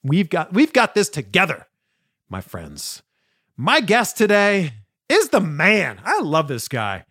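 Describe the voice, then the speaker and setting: A man from Canada hosts a podcast interview in an upbeat, chatty way. His voice sits a little high for a man and swings widely in pitch. The sound is close and dry, with no room echo. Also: takes it slowly. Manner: upbeat, animated. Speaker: podcast host. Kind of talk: casual interview.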